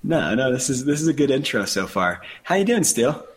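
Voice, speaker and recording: A podcast co-host in his thirties tells earnest stories about himself in a casual chat, breaking into self-deprecating laughs. His mid-range voice is mildly nasal and brisk, with big pitch swings.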